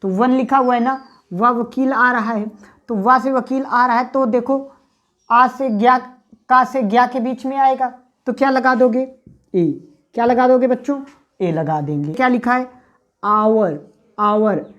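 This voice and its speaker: A woman teaching a grammar lesson to students. She asks them questions, answers them herself, and sounds out letters slowly. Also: on the high side, fairly bright tone, muffled recording.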